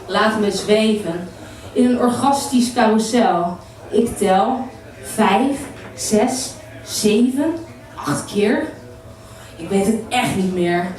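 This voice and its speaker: A woman's voice: medium pitch, slow, a little mellow. Playful woman reciting poetry live. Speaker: performing poet. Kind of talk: erotic spoken-word poetry performance. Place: salon at a live poetry night. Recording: echoey room, mic from far off.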